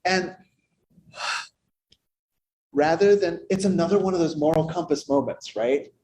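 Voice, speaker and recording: A man's voice: a little high, a little fast, low-quality recording. Playful, conversational man preaching a sermon. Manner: conversational, playful, animated asides. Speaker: minister. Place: church sanctuary.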